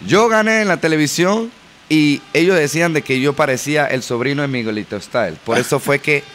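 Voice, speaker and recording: A man's voice: a little high, brisk, a bit bright, a little hiss or hum. A man from Panama with a Panamanian accent, a guest DJ telling stories animatedly in a casual interview and mixing in English words. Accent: Panamanian Spanish.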